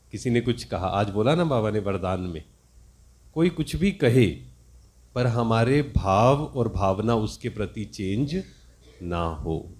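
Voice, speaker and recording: Man, spiritual teacher, reflective discourse, slow delivery. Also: fairly low pitch, a little mellow.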